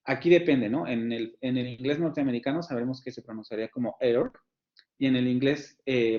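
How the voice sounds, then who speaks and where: Male phonetics lecturer, Mexican Spanish accent, mid pitch, patient and repetitive, slightly dull lo-fi audio. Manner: explanatory, repeats example words slowly, frequent fillers. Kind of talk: online lecture to students.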